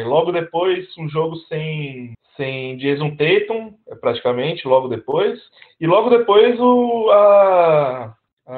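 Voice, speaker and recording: A man co-hosting a casual sports podcast, halting and repeating words, with sarcastic remarks. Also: medium pitch. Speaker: podcast co-host. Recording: tinny phone-like line.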